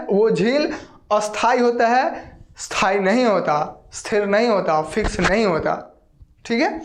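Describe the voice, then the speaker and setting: A geography teacher giving an online class, speaking patiently, repeating words and sounding them out syllable by syllable, often checking in with the listener. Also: medium pitch. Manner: patient, repeats words and drills pronunciation slowly.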